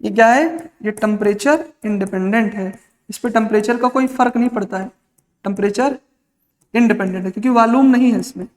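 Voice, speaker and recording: Here a man with a high-pitched voice delivers a brisk chemistry lecture aimed at exam preparation. Asking questions only to answer them himself, he slips English terms into his talk and calls the students "beta." The recording has the long reverb of an echoey room.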